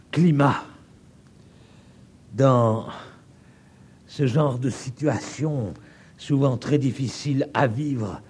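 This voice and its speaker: A man's voice: medium pitch, breathy edge. A man from France with a French accent preaching a sermon, emphatic and drawn out at his peaks, speaking directly to a live audience with asides and humor. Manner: emphatic, rising to loud peaks with slow drawn-out phrases.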